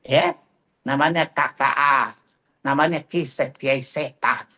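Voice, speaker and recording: A man's voice: medium pitch, steady tone, slow, sharp tone. A middle-aged man preaching in a religious study class, firing rhetorical questions at his listeners in a mocking, combative manner.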